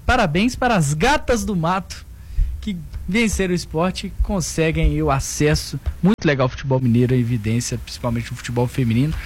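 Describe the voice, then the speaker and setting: Jovem apresentador esportivo de voz aguda. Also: male voice, high voice, slight background noise. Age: 20s. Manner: lively, reads sports news between banter. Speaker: sports radio host. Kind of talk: sports talk and news reading.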